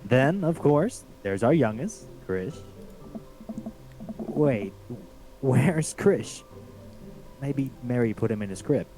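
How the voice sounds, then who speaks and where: A polite, cheery suburban dad, read by a man, welcomes guests in a friendly hosting tone. His voice sits in a middle pitch, with soft music faint in the background. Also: lively intonation, takes it slowly, pauses often. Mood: hospitable. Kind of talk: voicing visual novel characters on a live stream.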